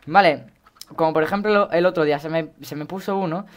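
Chatty teenage boy with a Spain Spanish accent. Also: a little fast. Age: teens. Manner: rambling, chatty, with sudden high yelps. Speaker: gaming YouTuber. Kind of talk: gameplay commentary.

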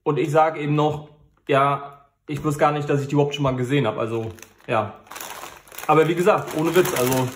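A man's voice: a little high, steady tone, fairly quick, a little hiss or hum. A man hosting a casual, unscripted food review in an informal, matter-of-fact way. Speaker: host of a food review channel. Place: indoor room. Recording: echoey, reverberant room.

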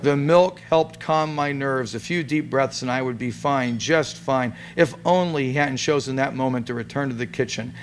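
A man giving a dramatic reading of a comic story at a gathering in a restaurant, in a deadpan, amused tone. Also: medium pitch, normal speed, hardly any pauses, a little hiss or hum. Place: restaurant event room.

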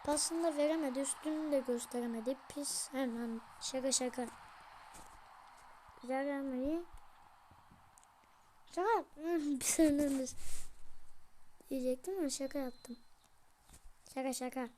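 A woman with a high, bright voice casually commenting on her football video game match. She talks to viewers, cheers goals and yells at her players. Faint noise hums behind her. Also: normal speed, pauses often. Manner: excitable, yells at the plays and jokes with viewers. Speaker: gaming channel host.

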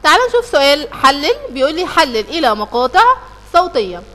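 A high, bright-voiced woman teaching with an Egyptian Arabic accent, guiding a review lesson for children one step at a time. She keeps putting questions to the class and then answering them, and she draws out verses when reciting. Her voice carries a long reverb, as if in a hard-walled room. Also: lively intonation, slight background noise. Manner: recites verses in a slow, drawn-out way.

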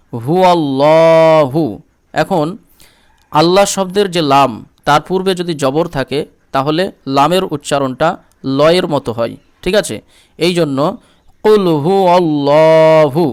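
A man from India teaching Quran reading, spelling each letter and vowel step by step and chanting the verses slowly between explanations. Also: fairly high pitch, clear, resonant tone. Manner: slow drawn-out chanted recitation between explanations; asks "ঠিক আছে?" to check understanding. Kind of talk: Quran recitation lesson.

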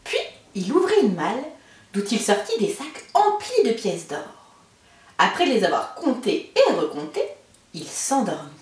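Woman teacher, storybook read-aloud for kids, expressive and lively, roomy sound from afar. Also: mid-range voice, measured pace. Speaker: teacher reading to children. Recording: roomy, mic far off.

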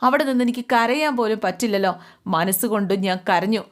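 A woman's voice: mid-range voice, fairly quick, natural voice. A woman doing a heartbroken father. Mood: grieving. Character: heartbroken middle-aged father, tearful, pleading.

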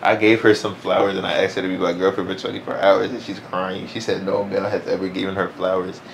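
A man's voice: low voice, level tone, quick pace, creaky. A man hosting a casual vlog, bragging and teasing his friends as he talks over them. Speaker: vlogger host. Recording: echoey room with loud background noise.

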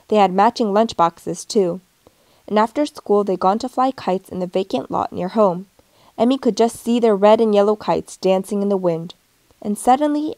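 Gentle woman reading a storybook, dry. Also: medium pitch, no room sound. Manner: gentle storytelling, lifts her voice for the characters. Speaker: storybook reader. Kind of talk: picture book read-aloud.

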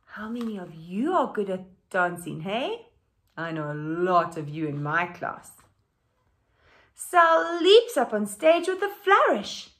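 In her living room at home, a middle-aged teacher reads a children's story to her pupils at a slow pace and medium pitch. She hams it up expressively and keeps turning to the young children with questions.

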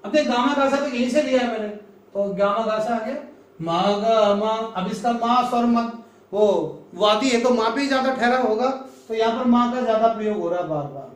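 A man from North India teaching a music lesson, explaining slowly and singing scale notes in between. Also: very high-pitched. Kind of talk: classroom lesson with sung notes. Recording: echoey room, mic far off.

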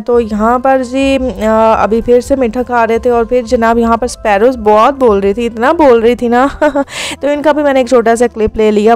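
A woman's voice: on the high side, darkish tone, smooth. A young woman, a vlogger narrating her day in a casual, chatty voice-over full of filler phrases. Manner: chatty, many filler phrases, talks fast.

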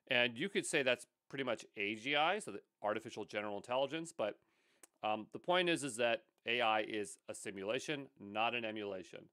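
A man's voice: medium pitch, fairly bright tone, dry recording, clean studio sound. A man who works as a course instructor, explaining concepts over slides in a casual lecture with offhand asides and filler words.

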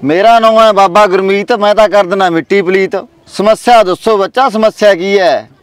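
A man's voice: high voice, fairly even intonation, normal speed, lightly acted. Baba: a man playing a sly village holy man. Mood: placating. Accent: Malwai Punjabi. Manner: soothing, placating, calls others child. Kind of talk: village family drama acting.

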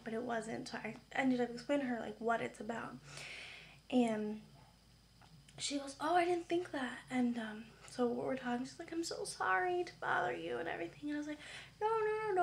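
A woman's voice: on the high side, slight background noise. A young woman talking casually to her camera, earnest and chatty, with many fillers. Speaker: vlogger. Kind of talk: casual vlog talk.

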